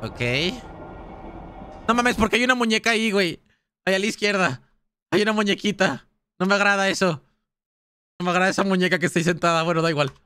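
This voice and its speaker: A Mexican man streaming a survival horror game live, chatting excitably and casually with his viewers in slangy speech. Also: sits high, fast talker, pauses often, clear, resonant tone, no echo. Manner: chatty, excitable, slangy, talks straight to chat. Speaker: gaming streamer. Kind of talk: live gaming commentary.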